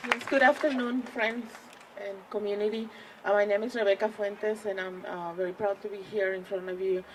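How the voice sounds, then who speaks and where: A woman's voice: mid-range voice, steady tone, crowd noise, noisy background. Earnest Mexican-accented woman organizer. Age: 40s. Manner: earnest, halting with fillers. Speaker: community organizer. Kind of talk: rally speech. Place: outdoors at a public rally.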